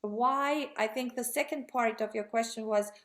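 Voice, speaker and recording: A woman in her thirties, originally from Russia, speaks as an interview guest with a fairly high voice at a moderate pace. She answers in a rambling, enthusiastic way, often correcting herself and restarting her sentences in this conversational interview.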